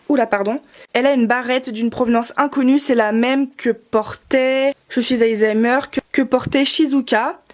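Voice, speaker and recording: A chatty young woman with a high voice narrates a casual show-and-tell as a doll collector vlogger. She rambles, using many fillers and correcting herself often.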